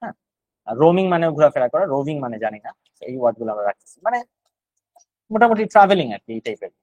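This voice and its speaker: A man's voice: fairly high pitch, sing-song, rapid-fire, a little mellow, no echo, poor audio. A man with a Bangladeshi accent teaching GRE vocabulary online, explaining words one at a time and thinking aloud.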